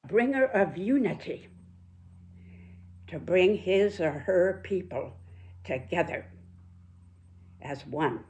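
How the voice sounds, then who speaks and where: A woman in her nineties speaks very slowly in a lowish voice. She gives a reflective, solemn talk like a storyteller, setting out short phrases with long pauses between them. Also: expressive, darkish tone. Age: 90s. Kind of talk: reflective spoken talk with quoted passages.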